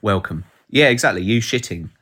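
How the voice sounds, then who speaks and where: A man's voice: lowish voice, lively intonation, fairly quick, bright, forceful tone, breathy edge. A man hosting a live podcast, chatting casually and jokily, reading out comments from listeners. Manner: rambling, jokey, reads out chat comments. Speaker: podcast host.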